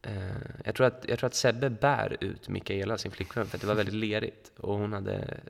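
Gravelly young man telling a rambling story. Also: lowish voice, fairly even intonation, in a large hall. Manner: rambling anecdote with many fillers and quoted dialogue. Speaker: podcast co-host. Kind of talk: casual storytelling chat. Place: school room.

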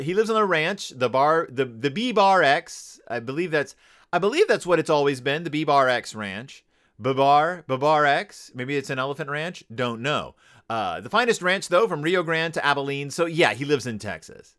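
Rambling, lively-pitched male podcast host. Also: normal speed. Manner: rambling, digressive, self-correcting. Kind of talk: casual comedic book review.

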